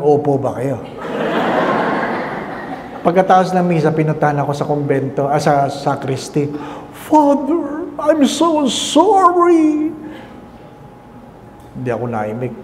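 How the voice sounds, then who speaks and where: Lively high-voiced priest in an echoey chapel. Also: male voice. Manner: storytelling, playful, switching into English. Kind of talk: humorous homily and closing prayer. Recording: echoey chapel with background noise.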